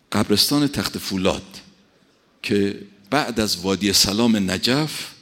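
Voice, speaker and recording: A man preaching a sermon, animated, swinging between loud emphatic lines and soft quiet asides. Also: fairly low pitch.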